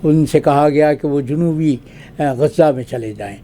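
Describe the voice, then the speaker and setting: An older man from Pakistan, a retired diplomat and guest analyst, gives formal commentary at a measured pace and pauses with drawn-out fillers. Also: on the high side, warm tone, slight background noise.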